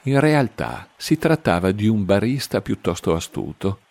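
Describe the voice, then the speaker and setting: Low-voiced man reading a novel. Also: sing-song, moderate pace, gravelly, darkish tone. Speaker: audiobook narrator. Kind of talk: read novel narration.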